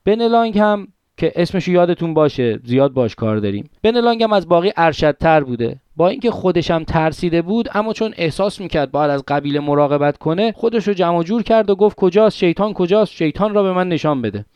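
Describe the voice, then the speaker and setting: A man's voice: fairly high pitch, lively intonation, darkish tone, clear, resonant tone, no echo, muffled recording. A man hosting a podcast, narrating a history story in a dramatic, conversational way, with asides to his listeners. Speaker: podcast host.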